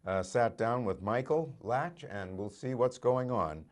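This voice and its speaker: A man's voice: medium pitch, lively intonation, unhurried. A man co-hosting a local program, presenting and chatting casually. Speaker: program co-host.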